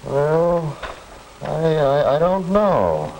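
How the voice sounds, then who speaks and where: A man's voice: fairly high pitch, big pitch swings, vocal fry, a little mellow, full character voice, rough recording. An actor playing a reasonable middle-aged father in a formal, stagey 1940s educational film. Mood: serious, concerned. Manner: formal, deliberate. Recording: hissy 1940s film soundtrack.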